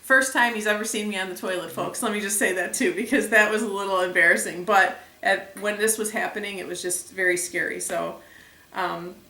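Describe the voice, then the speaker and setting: A young woman vlogger chatting casually to the camera, retelling events with lively acted quotes. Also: mid-range voice, fairly quick, far from the mic. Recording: echoey room, a bit off mic.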